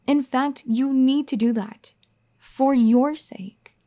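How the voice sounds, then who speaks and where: In an ASMR roleplay, a woman plays a caring, firm young wife, speaking softly and scolding gently. Her voice is high-pitched and her pace slow.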